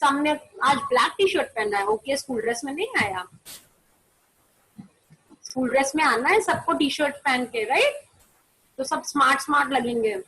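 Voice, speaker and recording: High-voiced teacher woman, online maths class. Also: lively intonation, normal speed, long pauses, sharp tone, rough recording. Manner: mixes Hindi and English, asks pupils questions and answers them herself; calls pupils by name to turn on their cameras. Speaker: primary school maths teacher. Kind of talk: online class on a video call.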